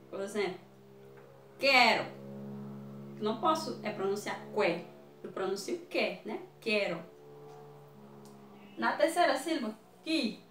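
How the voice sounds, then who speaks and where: A Brazilian woman teaching young children in a video lesson, sounding out syllables slowly. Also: on the high side, sharp tone, reverberant. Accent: Brazilian Portuguese. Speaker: primary school teacher.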